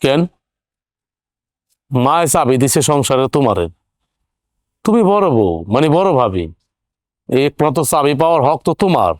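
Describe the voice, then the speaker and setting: A man's voice: medium pitch, sing-song, normal speed, long pauses, no room sound, natural voice. Man playing a hot-headed younger son. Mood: arguing. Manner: argumentative, indignant questioning. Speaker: younger brother-in-law. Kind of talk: TV drama acting.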